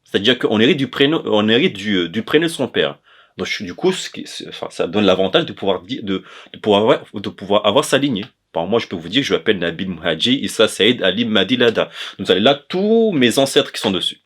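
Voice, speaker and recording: A man from the Comoros presents an educational chronicle on language, explaining informally yet hesitantly and often stopping to correct himself. His voice is fairly low and fairly bright, with big pitch swings and a quick pace.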